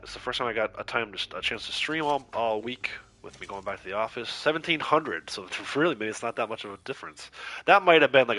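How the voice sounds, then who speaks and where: A man plays a video game on stream while congested and a bit nasal from a cold, chatting casually, reading out and answering viewer chat, and laughing easily. His medium-pitched voice is bright and forceful, with no room sound.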